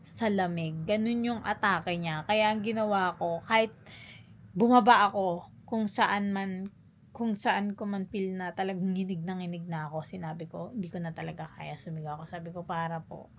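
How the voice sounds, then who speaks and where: A woman's voice: medium pitch, normal speed, dull audio. Chatty young woman telling a story. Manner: chatty, animated storytelling, mixes English phrases. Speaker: vlogger. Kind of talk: casual storytime vlog.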